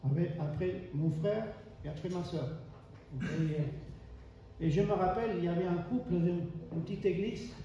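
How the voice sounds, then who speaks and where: In an echoey church hall, a distant mic records an Argentine man speaking Spanish as his first language, with an Argentine accent, as he preaches emphatically, repeating key phrases and asking rhetorical questions. His voice sits high and sounds mellow, and he talks a little slowly. The recording is muffled, with a little hiss or hum.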